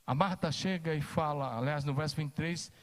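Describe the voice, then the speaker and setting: An emphatic Brazilian pastor delivers a sermon in a fairly high voice, hammering his points through repetition. His words ring out with the long reverb of a church hall. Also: moderate pace. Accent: Brazilian Portuguese. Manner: emphatic, repeats key phrases, rises for quoted lines.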